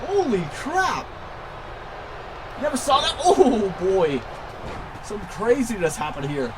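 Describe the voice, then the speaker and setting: A man calling a wrestling match as an excited commentator, exclaiming and repeating phrases for emphasis. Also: high-pitched, a little slow, background noise.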